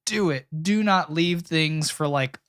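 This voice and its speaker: Young male podcast co-host, lightly raised pitch, earnest advice, dry booth sound. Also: a little slow, fairly bright tone, smooth, dry recording. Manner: earnest, emphatic advice with laughs. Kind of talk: casual chat about marriage and parenting.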